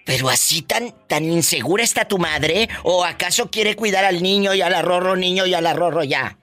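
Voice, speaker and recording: A man's voice: high-pitched, moderate pace, sharp tone. A man hosting a call-in radio show, teasing and dramatic. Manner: theatrical, gasps and teasing exclamations. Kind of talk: playful radio call-in banter.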